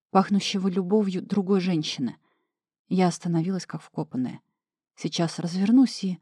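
A woman's voice: on the low side, warm tone, breathy edge, dry recording, clean studio sound. A woman narrating a first-person novel as an audiobook, with an emotional, emphatic delivery.

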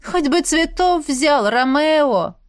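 A woman's voice: on the high side, expressive, slow pace, no echo, clean studio sound. Woman doing a nasal, blunt girlfriend. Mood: exasperated. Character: blunt sharp-tongued young woman friend.

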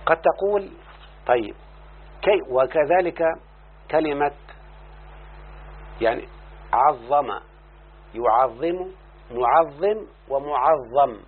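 With an Egyptian Arabic accent, a male Arabic morphology teacher explains each point classroom-style and keeps asking his student whether he has understood. His fairly high, slightly rough voice is expressive and slow, with long pauses, and the recording is tinny and lo-fi with a faint hum.

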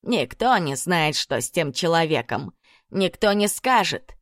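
A woman's voice: low-pitched, big pitch swings, a little slow, no echo, studio quality. A woman reading the lines of an anxious female servant who speaks in broken, pleading phrases. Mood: sorrowful.

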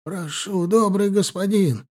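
A man's voice: high voice, a little slow, darkish tone, pitched above the performer's own voice. A man voicing a humble old shepherd who implores the riders. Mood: imploring.

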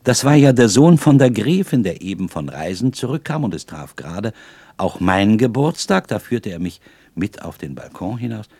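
A man reading the part of a gentle, cheerful young woman in an audiobook, speaking in a warm, confiding way. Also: fairly low pitch, sing-song, moderate pace, husky, no echo, full character voice.

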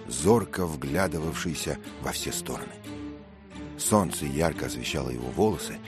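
A man reading an adventure novel aloud in steady, measured scripted narration. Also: extremely low pitch. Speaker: audiobook reader.

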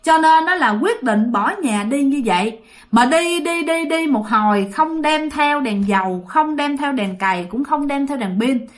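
High-voiced woman telling a ghost story. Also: measured pace. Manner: lively, repetitive telling, addresses listeners directly. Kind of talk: storytelling to listeners.

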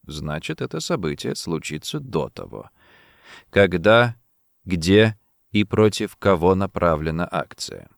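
A calm, cold secret agent speaks quietly and with deliberate weight, as a man puts him on. His voice drops low and stays controlled. The recording is close and dry. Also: gravelly, dry recording, heavily acted. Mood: calm menace.

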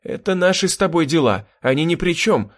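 A man's voice: expressive, brisk, lightly acted. Man voicing a timid, whimpering engineer. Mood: tearful. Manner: pleading, whimpering, shrill. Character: frightened, tearful engineer, timid twin.

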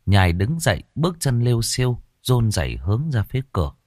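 Lively, expressive male storyteller. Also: medium pitch, brisk, no room sound, clean studio sound. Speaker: audiobook narrator. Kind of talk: scripted narration.

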